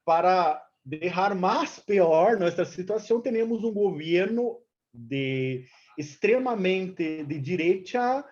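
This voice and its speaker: Slowly and expressively, in a fairly low, darkish voice, a Brazilian woman gives an informal seminar talk as an activist and representative of a movement. Portuguese is her native language, and she mixes it with Spanish while searching for words. The audio is a dull, lo-fi online call.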